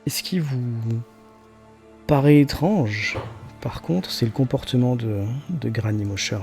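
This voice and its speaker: A man's voice: mid-range voice, animated, a little slow, a little mellow. A man narrating an improvised tabletop role-playing game as game master. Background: faint music.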